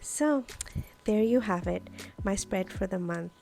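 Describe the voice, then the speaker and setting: Narrating a craft process for her journaling vlog, an Urdu-speaking host sounds animated yet measured and mellow. Music runs under her casual explanation, and her medium-pitched voice carries a noticeable gravelly creak.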